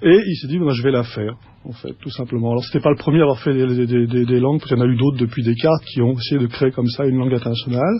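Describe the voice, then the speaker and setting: Man, husky voice, radio guest, halting explanatory manner, dull lo-fi radio audio. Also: mid-range voice, dry recording. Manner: explanatory, halting with many restarts and fillers. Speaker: guest speaker. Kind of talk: radio studio conversation.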